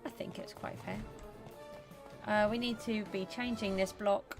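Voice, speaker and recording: A woman from England streams a building game live, her British-accented chat casual and peppered with ums as she thinks out loud. Over music, her mid-range voice stays fairly even in intonation and unhurried.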